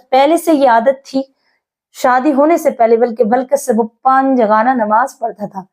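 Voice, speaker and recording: A woman's voice: high-pitched, darkish tone. A woman preacher giving an earnest religious sermon, telling a story and addressing listeners as dear brothers.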